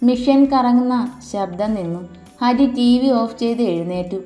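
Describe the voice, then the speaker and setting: A woman narrating a Malayalam romance story in a calm, steady reading voice. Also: a little high, moderate pace. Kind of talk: audiobook narration. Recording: echoey room with soft music.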